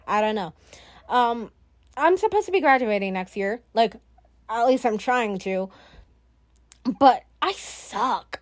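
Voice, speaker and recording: A teenage girl hosting her own podcast, rambling casually with lots of fillers, giggles and self-deprecating asides. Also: mid-range voice. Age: teens. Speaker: podcast host. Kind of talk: casual solo podcast chat.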